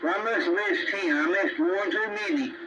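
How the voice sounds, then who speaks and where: This talkative CB operator from Tennessee, Southern accent and all, makes casual conversation through a two-way radio transmission that sounds muffled, distant and very noisy. His voice sits high, swinging widely in pitch, and he speaks briskly.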